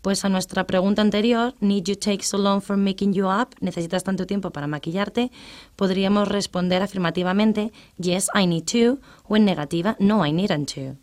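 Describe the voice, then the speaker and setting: A woman explaining English grammar in a radio lesson, patient and methodical, reading out English examples slowly. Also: medium pitch, fairly even intonation, a little mellow.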